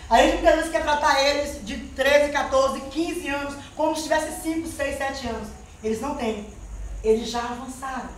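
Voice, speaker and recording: A woman with a high-sitting voice gives an earnest spoken testimony to a church congregation at normal speed, frequently calling out to the Lord and the brethren. The mic is far off in a very echoey church hall, with slight background noise.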